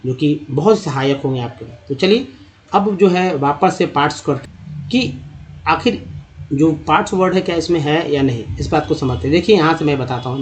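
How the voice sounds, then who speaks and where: A man teaching English reading in a spoken Hindi phonics lesson. He addresses viewers as friends, spells out letters and sounds out word parts slowly. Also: on the high side, a little mellow, low-quality recording.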